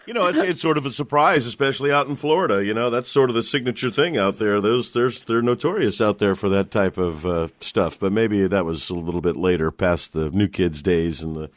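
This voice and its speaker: A man's voice: fairly low pitch, brisk, few pauses, no room sound. A man hosting a podcast, chatting casually and asking his guest follow-up questions. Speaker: podcast host. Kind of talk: casual interview.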